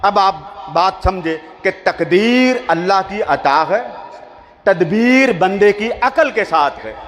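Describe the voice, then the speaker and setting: A man's voice: high-pitched, animated, fairly bright tone. A man preaching a sermon, telling a story to a seated crowd. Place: large hall with a seated audience. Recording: long reverb of a large hall.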